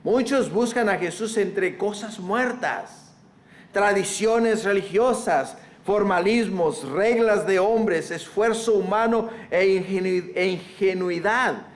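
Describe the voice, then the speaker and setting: A man's voice: high voice, takes it slowly. A man preaching a sermon as pastor, repeating rhetorical questions and addressing the listeners as brothers and sisters.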